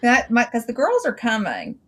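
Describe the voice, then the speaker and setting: A woman hosting a casual live stream, chatty and animated, reacting quickly. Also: on the high side, husky. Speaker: host.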